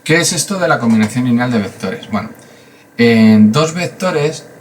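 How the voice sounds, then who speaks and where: A man's voice: mid-range voice, expressive, normal speed. A man from Spain giving a casual math lesson, chatty and full of fillers and asides. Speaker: math teacher.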